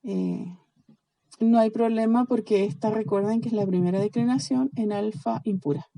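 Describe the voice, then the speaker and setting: A woman's voice: fairly high pitch, fairly even intonation, moderate pace, mellow, no echo, poor audio. A Chilean woman teaching a recorded online lesson, drilling word endings one by one and checking often that students follow. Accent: Chilean Spanish. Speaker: biblical Greek teacher.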